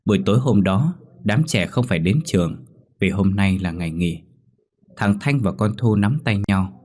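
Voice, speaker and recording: A man narrating a ghost story in a steady, somber manner. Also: lowish voice, moderate pace. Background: faint music.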